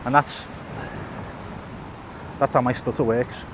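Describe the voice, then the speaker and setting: A middle-aged YouTuber with a lisp and a stutter talks casually to camera on an outdoor walk by a tunnel in town, against a noisy background. His mid-range voice is steady in tone and slow in pace. Fillers, repeats and restarted words mark his casual vlog delivery.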